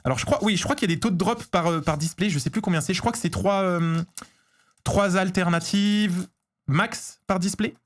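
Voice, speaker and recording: A man streaming live as he opens trading cards, chatting casually, getting excited and answering his chat. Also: sits high, normal speed.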